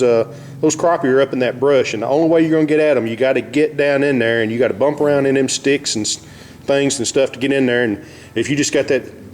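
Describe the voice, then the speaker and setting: In a mid-range, somewhat dark voice, a Southern-accented man from Arkansas, United States, demonstrates a fishing technique on his vlog. His delivery is relaxed, homespun, and straightforward.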